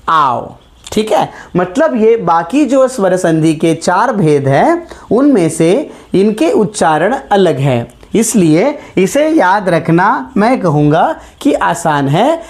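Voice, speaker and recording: A man teaching a grammar lesson, patiently repeating sounds and asking his students questions as he goes. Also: high-pitched. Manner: slow and patient, repeats key sounds and asks rhetorical questions. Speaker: Hindi teacher.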